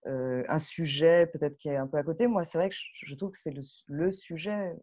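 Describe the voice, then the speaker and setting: Her voice is low and her speed normal as this woman, a guest director on a panel, talks in a lively, relaxed, unscripted way that often drifts into digressions.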